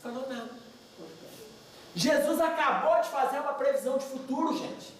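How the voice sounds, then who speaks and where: A man giving a religious study talk, animated and putting questions to the audience. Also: very high voice, normal speed. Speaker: lecturer. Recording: echoey hall, distant mic.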